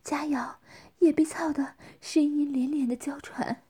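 A woman narrating an erotic audio story in a soft, hushed whisper. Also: high-pitched, steady tone, measured pace.

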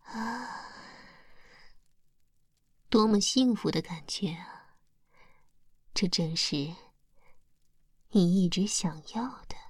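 A woman voicing a seductive female demon lord in an ASMR hypnosis roleplay, whispering slowly and softly with a breathy voice. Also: mid-range voice, dry recording, studio quality. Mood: soothing. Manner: slow soft whispering.

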